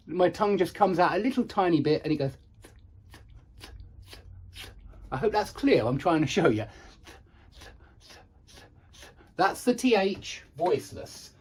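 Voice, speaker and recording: An English pronunciation teacher gives a lesson, demonstrating sounds and repeating examples with careful enunciation. Frank and self-deprecating, they admit their own difficulty. The husky, medium-pitched voice swings widely in pitch at normal speed, with long pauses.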